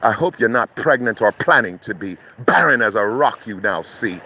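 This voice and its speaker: A man delivering a threatening curse monologue, speaking slowly and breaking into chanted incantations. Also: fairly low pitch, expressive, bright, forceful tone, slight background noise. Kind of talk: menacing spoken curse monologue.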